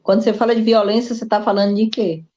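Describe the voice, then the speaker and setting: A woman hosting a live online interview, asking measured, reflective questions, heard through low-quality stream audio. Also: flat delivery, mellow, muffled recording, a little hiss or hum. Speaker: host.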